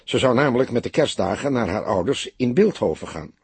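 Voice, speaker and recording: In an audiobook, a male narrator performs a bitter young unmarried mother, a sober-mannered witness whose very husky, dry, mid-range voice is upset, defensive and scornful of men. She speaks briskly with a lively, lifted intonation yet in a subdued, explaining mood, and the recording is dry.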